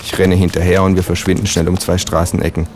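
A man reading out his own comic story in a deadpan, matter-of-fact way. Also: deep voice, fast, faint music behind.

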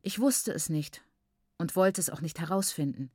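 A woman narrating an audiobook in a measured, even storytelling manner. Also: fairly low pitch, husky, no room sound, studio quality.

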